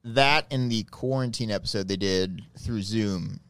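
A man co-hosting a podcast in casual chat, enthusiastic, steering the talk, with bursts of high laughter. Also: measured pace, a bit bright, clear, resonant tone, dry recording. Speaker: podcast co-host.

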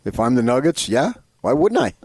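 A man's voice: medium pitch, sing-song, normal speed, darkish tone, slightly rough, no room sound. A man co-hosting sports talk, giving conversational commentary and repeating phrases for emphasis. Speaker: sports radio co-host.

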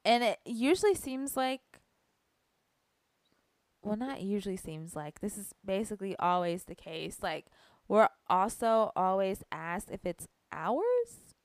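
A woman's voice: mid-range voice, lively intonation, a little slow, no echo, studio quality. A woman co-hosting a podcast in casual chat, talking emphatically and firing off rhetorical questions. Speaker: podcast co-host.

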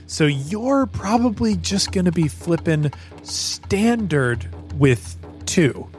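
Man, fairly high voice, game master, casual tabletop narration, conversational, improvised. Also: expressive, slow, a little mellow, faint music behind. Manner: conversational, improvising as he describes scenes.

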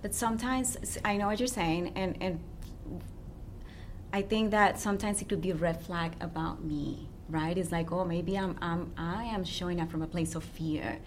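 A relationship coach appears as an interview guest, her voice on the low side with a steady tone and moderate pace, plus a slight hiss or hum. She's warm and earnest, often checking in with her listener by asking "yeah?".

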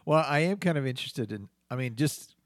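A man's voice: mid-range voice, expressive, a little fast, dry recording, clean studio sound. A man from North Carolina co-hosting an improvised comedy podcast, laughing often as the exasperated straight man. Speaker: podcast co-host.

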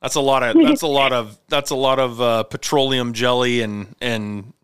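A man's voice: medium pitch, steady tone, normal speed, clean tone, dry recording, studio quality. A man in his forties from Montana, hosting a casual podcast chat about movies in an easygoing, rambling way. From Montana, USA. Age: 40s. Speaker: podcast host.

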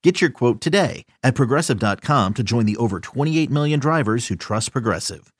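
A man reading a scripted podcast advertisement as an announcer, with a husky voice. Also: medium pitch, animated, brisk, dry recording, clean studio sound.

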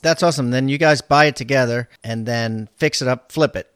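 A man's voice: medium pitch, a little fast, a bit bright, clear, resonant tone, dry recording, studio quality. A man hosting an interview podcast, asking questions in an upbeat, enthusiastic way. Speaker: podcast host. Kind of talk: interview chat.

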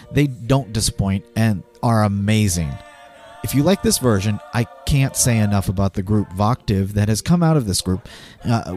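A man's voice: fairly low pitch, a little mellow. A man hosting a podcast, reading a scripted introduction to the listener. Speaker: podcast host. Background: music.

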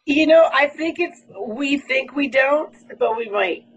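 A woman from Vancouver Island with a Canadian accent, chatting casually as a guest with lots of fillers and quick jokes. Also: sits high, muffled recording, slight background noise. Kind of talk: casual chat.

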